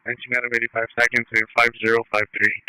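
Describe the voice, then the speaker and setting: A man in the field giving brisk, matter-of-fact police radio reports, heard over a two-way radio with static bursts. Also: medium pitch, level tone, bright, forceful tone, clean tone, dry recording, rough recording. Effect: two-way radio transmission with static bursts. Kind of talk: clipped police radio traffic.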